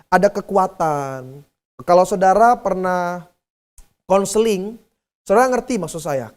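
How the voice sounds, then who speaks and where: A woman's voice: mid-range voice, darkish tone. A woman pastor preaching a sermon. She moves between reading scripture and casual, humorous asides, and laughs along with her own everyday examples.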